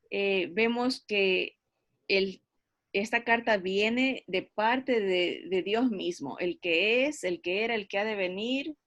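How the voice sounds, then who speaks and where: A middle-aged woman leading a Bible study, explaining at an unhurried pace with frequent pauses, hesitations and tag questions to her listeners. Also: mid-range voice, no room sound, clean studio sound. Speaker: Bible teacher.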